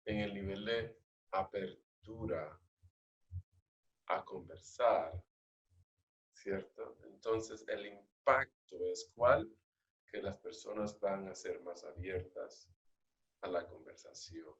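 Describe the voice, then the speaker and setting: Male agile coach, slow, questioning delivery, low voice, roomy and dull call audio. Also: fairly bright tone. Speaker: agile trainer. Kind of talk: interactive training session.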